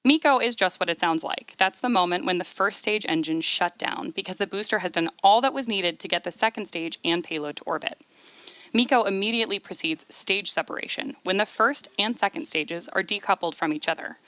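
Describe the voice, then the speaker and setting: A woman giving measured, explanatory live commentary as the host of a launch webcast. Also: mid-range voice, a bit bright, no echo.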